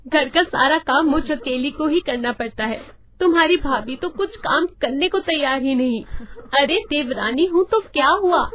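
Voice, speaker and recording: A woman voicing a spoiled young wife who nags and taunts in a high, whiny voice. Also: a little hiss or hum. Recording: tinny phone-like sound.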